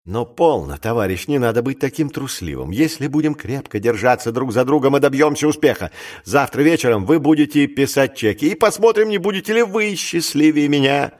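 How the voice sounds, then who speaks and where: A man's voice: medium pitch, lively intonation, natural voice. A man reading as a reckless commanding clerk. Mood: scheming. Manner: commanding and brisk. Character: bold reckless male clerk and gambler. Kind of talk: audiobook character reading.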